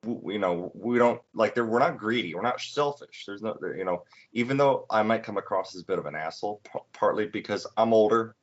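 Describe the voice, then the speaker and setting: A man in his twenties hosting a casual podcast chat, talking in halting bursts with many restarts. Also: on the low side. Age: 20s. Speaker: podcast host. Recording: dull lo-fi recording.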